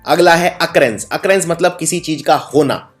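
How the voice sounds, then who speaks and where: A man's voice: a little high, moderate pace, soft background music. A man teaching English spelling in Hindi, explaining word meanings and spelling each word out letter by letter. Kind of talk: explaining lesson.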